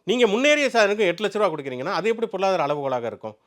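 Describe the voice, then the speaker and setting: A man with a high voice and very lively, swinging intonation argues in a political discussion. He talks quickly and insistently, pushing his case with rhetorical questions. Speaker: discussion guest.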